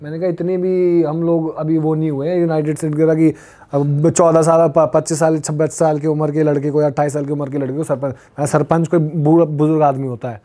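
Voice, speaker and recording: A young man from Uttar Pradesh tells a story as a podcast guest, in a casual conversational way. His voice sits a little high but sounds soft and warm. He acts out the dialogue of the people in his story as he goes. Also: fast. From Uttar Pradesh, India. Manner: lively retelling that acts out quoted dialogue. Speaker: podcast guest, long-distance pilgrim walker.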